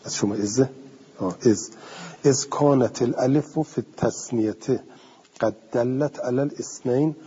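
A man's voice: mid-range voice, mellow, husky. A male teacher giving a lecture, reading a passage aloud, then explaining it conversationally and answering his own questions. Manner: asks the class questions and answers them himself. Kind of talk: classroom lecture on a classical text. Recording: dull lo-fi recording with long hall reverb.

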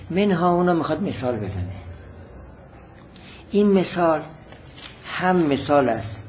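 Male teacher, seminary lesson style, patient explainer who repeats key points, medium pitch, light background noise. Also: a little mellow, rough recording. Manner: patient, repeats definitions slowly. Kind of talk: seminary text lesson, reading and explaining Arabic.

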